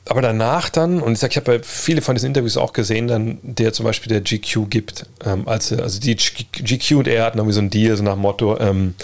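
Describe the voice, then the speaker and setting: Guy on a stream talking hoops, lowish voice w lots of vocal fry, slangy, drops english words in. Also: darkish tone. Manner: colloquial, peppered with English slang and sports terms. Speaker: livestream host and basketball podcaster. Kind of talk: casual livestream chat answering viewer questions about basketball.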